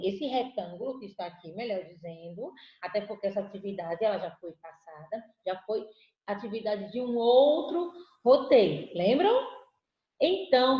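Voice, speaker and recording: A woman's voice: mid-range voice, animated, normal speed. A Brazilian Portuguese-speaking woman teaching an online lesson, patiently asking the class questions and answering them herself. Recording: echoey room, dull lo-fi audio.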